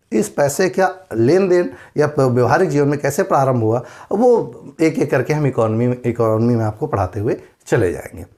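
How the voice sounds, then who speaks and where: A man's voice: mid-range voice, darkish tone. A male teacher giving an exam-preparation lecture in Hindi, explaining with everyday examples and rhetorical questions.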